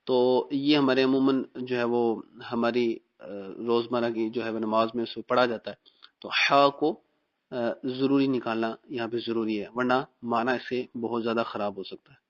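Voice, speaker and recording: A man from Pakistan teaching Quran reading in a recorded lesson, patiently explaining and drilling letter sounds slowly. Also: mid-range voice, level tone. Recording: dull, muffled recording.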